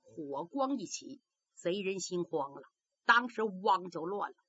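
A woman's voice: on the low side, lively intonation, measured pace, bright, forceful tone, slightly rough, no room sound, highs cut off. A woman telling a traditional story vividly, acting out sound effects with her voice.

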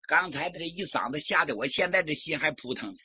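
A man's voice: on the high side, animated, bright, forceful tone, husky, dry recording, exaggerated voice. A man voicing a spiteful young prince who demands harsh punishment. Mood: vindictive. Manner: vengeful, drawn-out demands. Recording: dull lo-fi recording.

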